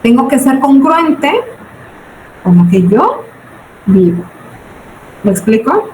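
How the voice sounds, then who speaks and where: On the high side with big swings in pitch, her voice is slow and dark in tone. She is a business budgeting teacher in her forties with a Mexican accent, leading an informal question-and-answer lecture for students, captured with roomy echo and background noise.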